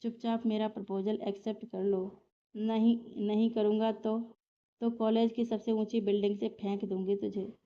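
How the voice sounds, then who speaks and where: A man's voice: high voice, level tone, moderate pace. Woman voicing a fiery, bossy young woman. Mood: angry. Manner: fierce, bossy, scolding. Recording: slightly dull lo-fi recording.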